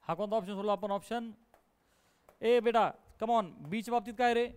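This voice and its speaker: A man with a Marathi accent teaches maths and keeps pressing his students for quick answers. His voice sits very high and comes through smooth and clear. He sounds close to the mic. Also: fairly even intonation. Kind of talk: live online class.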